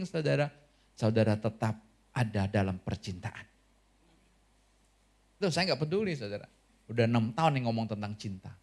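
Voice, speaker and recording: With an Indonesian accent and a mid-range voice, this man preaches energetically as pastor, often asking his congregation questions.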